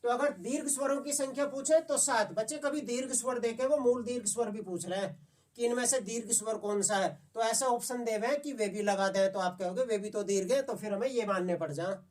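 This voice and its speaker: A man's voice: very high voice, brisk, darkish tone, distant mic. A male Hindi teacher giving an exam-prep class, asking the students questions and answering them himself. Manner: coaxing, repeats "समझ गए बच्चे?".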